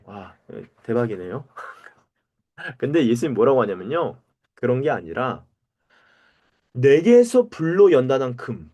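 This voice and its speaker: A pastor leading a Bible study, asking questions and calling on people to read. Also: male voice, medium pitch, lo-fi sound. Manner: animated, asks the group questions and calls on readers.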